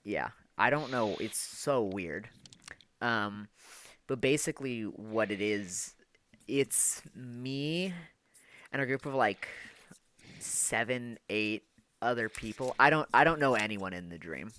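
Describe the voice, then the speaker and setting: A man's voice: fairly low pitch, animated, slow pace, a bit bright, slight background noise. A man co-hosting a casual podcast, telling a long story in a rambling way, full of fillers and the odd swear word. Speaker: podcast co-host. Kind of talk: casual chat.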